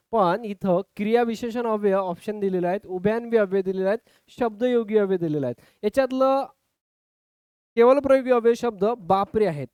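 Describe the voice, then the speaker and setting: A man's voice: sits high, smooth, dry recording, studio quality. A man teaching an online exam-prep grammar lesson, acting out example exclamations and calling his students friends. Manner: lively, acts out example exclamations, keeps addressing students as friends.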